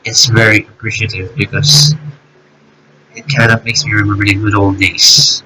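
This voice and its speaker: Bright-voiced young man rambling to camera. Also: lowish voice, level tone, moderate pace, slight background noise, low-quality recording. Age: 20s. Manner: chatty, self-mocking, swears freely. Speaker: YouTuber reacting to videos. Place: alone in a room.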